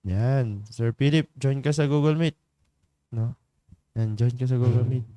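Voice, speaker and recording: A man hosting a morning church devotion livestream in a studio, chatty, laughing often and filling pauses. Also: mid-range voice, steady tone, dark tone, clear, resonant tone, no room sound. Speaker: devotion leader and livestream host. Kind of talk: casual livestream greetings and devotional talk.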